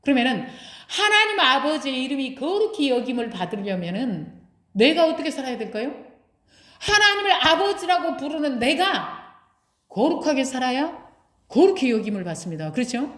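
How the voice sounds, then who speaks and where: A woman's voice: high-pitched, sing-song, normal speed, a bit bright. A woman pastor preaching a sermon, putting rhetorical questions to her congregation and answering them herself. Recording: echoey room.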